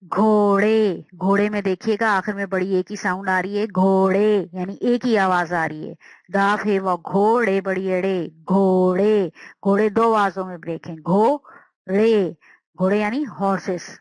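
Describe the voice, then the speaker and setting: A woman teacher giving a slow, patient language lesson, sounding out words and repeating them. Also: mid-range voice, steady tone, no echo, poor audio.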